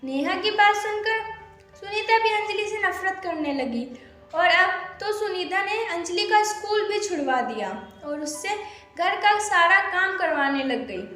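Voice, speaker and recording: A woman's voice: extremely high pitch, lively intonation, unhurried, pushed and bright. A woman narrating a moral tale as a storybook reading, briefly voicing each character. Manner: reads plainly, briefly voices each character. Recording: very echoey room with music.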